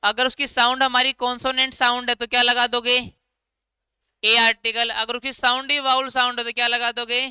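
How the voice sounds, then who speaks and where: A man's voice: extremely high pitch, flat delivery, brisk, pushed and bright, clear, resonant tone, no room sound. A male teacher gives an informal classroom grammar lesson, quizzing his students and answering his own questions. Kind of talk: classroom lecture.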